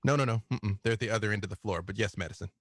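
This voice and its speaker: A man narrating a tabletop horror game as game master, animated and quick to jump into shouted voices for other figures. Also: fairly low pitch, no echo, studio quality.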